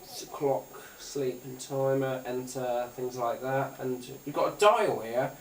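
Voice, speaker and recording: Speaking slowly in a mid-range voice, this British man reviews gadgets with an unscripted, casual demonstration that rambles and hesitates. A distant mic in a roomy space picks up faint noise.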